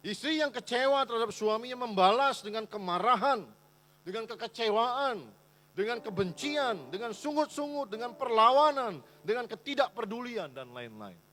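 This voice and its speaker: High-voiced man preaching. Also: expressive, moderate pace, sharp tone. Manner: emphatic preaching, voicing complaining wives in quotes. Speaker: pastor. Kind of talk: sermon. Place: church.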